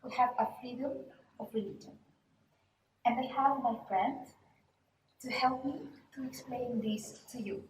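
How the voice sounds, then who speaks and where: A Russian-accented woman with a slightly high voice presents to her audience, explaining carefully. Her voice rings in an echoey room over a steady background hiss. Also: unhurried, long pauses. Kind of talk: informal cultural presentation.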